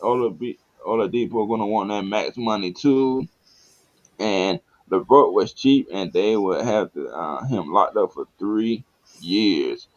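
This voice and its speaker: A man with a Southern American accent hosting a casual sports chat, excitable and slangy, often laughing. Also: lowish voice, measured pace, dull audio. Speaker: sports talk show host.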